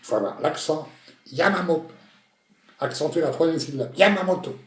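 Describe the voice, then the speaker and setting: A man's voice: a little high, fast talker, a little mellow, far from the mic, natural voice. A man voicing an eager, overconfident male quiz contestant who blurts out his answers and repeats himself. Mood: boastful. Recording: roomy echo.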